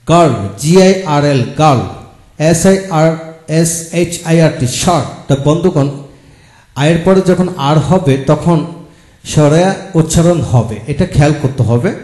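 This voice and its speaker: A man teaching English pronunciation in a video lesson, slowly spelling out words letter by letter and repeating each one. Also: a little high, mellow, reverberant. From Bangladesh. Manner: slow, patient, repeats each word twice.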